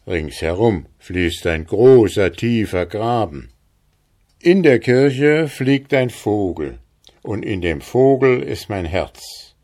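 Man doing a smug old guy in a fairy tale, low and slow, so sure of himself. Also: animated, darkish tone, heavily acted. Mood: assured. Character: old man who cannot die, smug.

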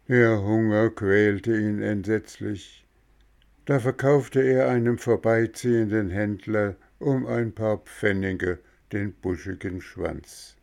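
A man reading a fairy tale aloud in a slow, deliberate way. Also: lowish voice, gravelly, darkish tone. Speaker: storyteller.

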